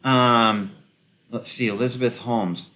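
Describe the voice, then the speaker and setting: A man's voice: mid-range voice, fairly even intonation, slow, bright, forceful tone. A man giving casual, rambling commentary full of ums and restarts, with a sarcastic, mocking edge. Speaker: video commentator.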